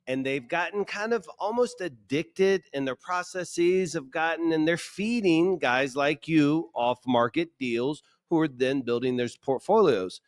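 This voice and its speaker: A man hosts a podcast interview with eager, affirming energy and asks long, winding questions. His voice is fairly high for a man. The recording is dry and close. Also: unhurried, hardly any pauses, no echo. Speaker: podcast host.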